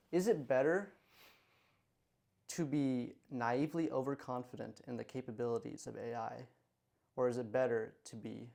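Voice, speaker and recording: A man in his twenties co-hosting a podcast, calm and reserved, speaking in a monotone. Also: mid-range voice, gravelly. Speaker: podcast co-host. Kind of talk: casual podcast chat.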